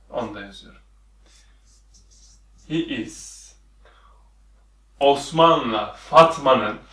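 A man's voice: medium pitch, far from the mic. Man teaching in an echoey room. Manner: questioning, repeats and quizzes the viewer. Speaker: English teacher. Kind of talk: classroom lesson at a whiteboard.

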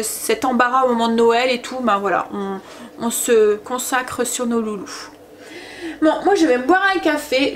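High-voiced chatty mum vlogging. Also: female voice, slight background noise. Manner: rambling, chatty, full of hesitations. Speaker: family vlogger and mother. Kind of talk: casual chat to camera.

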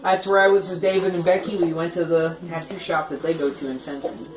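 A man's voice: a little high, level tone, brisk. A young man chatting casually with his family in a small bedroom, picked up by a handheld phone. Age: young adult. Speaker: grandson showing his first tattoo. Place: small bedroom indoors, family voices around. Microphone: distant handheld phone camera. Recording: roomy, distant home phone video, voices around.

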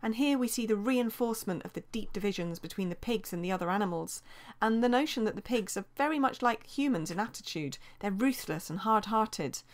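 A woman's voice: mid-range voice, animated, brisk, few pauses. A woman teaching a revision lesson as a voice-over, explaining steadily and reading quotations aloud, with small restarts.

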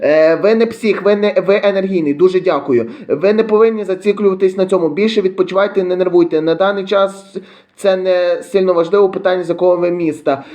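A man's voice: high voice, steady tone, fast, a little mellow. A young man from western Ukraine, chatting casually as he reads viewer comments aloud in his vlog. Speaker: YouTube vlogger.

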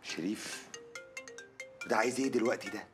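A man's voice: fairly low pitch, brisk, a bit bright, big-room sound, soft background music, natural voice. An actor playing a weary, newly single man with an Egyptian accent, muttering sarcastic grumbles. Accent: Egyptian Arabic. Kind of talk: TV comedy series acting.

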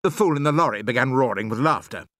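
Expressive male storyteller, dry close sound. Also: mid-range voice, fast talker, no echo. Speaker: audiobook reader. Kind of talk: first-person story narration.

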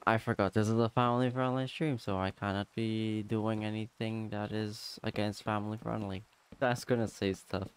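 A man chatting casually and playfully as he livestreams a game, rambling in halting bits and repeating his phrases. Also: fairly low pitch, flat delivery, clean tone. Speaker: livestreamer, VTuber. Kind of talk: casual livestream chat while playing a block-building game.

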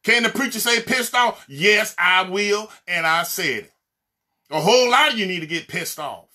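An evangelist minister from Mississippi, USA, with a Southern accent, preaches a fiery, blunt social media sermon, hammering points home with repeated refrains. His voice is high, animated, pushed and bright, at a moderate pace.

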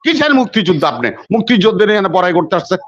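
A man's voice: sits high, very animated, rapid-fire, a bit bright, lo-fi sound. A man, a talk show panelist in a heated debate who talks over others and repeats himself insistently.

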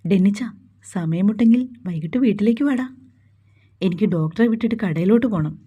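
A woman's voice: medium pitch, fairly quick, warm tone, breathy edge, highs cut off, natural voice. A woman voicing a stern, protective young man, speaking curtly and bossily. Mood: bossy. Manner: curt, bossy.

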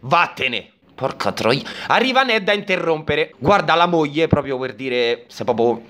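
Man, high lively voice, sarcastic, vulgar comic recap. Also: loud music behind the voice. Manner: sarcastic, crude and rapid, jumping into voices. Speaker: recap video host.

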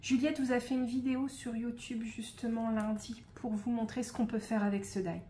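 A woman hosting a casual unboxing of craft supplies, speaking in a relaxed, hesitant way with frequent fillers and soft asides. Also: a little high, normal speed, a little hiss or hum. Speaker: scrapbooking shop host.

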